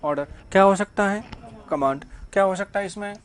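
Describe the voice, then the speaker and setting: A high-pitched man is teaching a grammar lesson to a class. He fires questions at the students and answers them himself. He talks in a drilling, repetitive classroom manner. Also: normal speed, clear, resonant tone. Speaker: English teacher.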